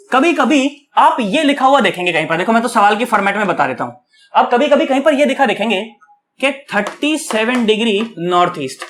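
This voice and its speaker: A man teaching physics at a board, asking questions and answering them himself in a chatty, coaxing way, repeating key words slowly. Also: extremely high pitch, fairly bright tone. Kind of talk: online lecture, explaining at a board.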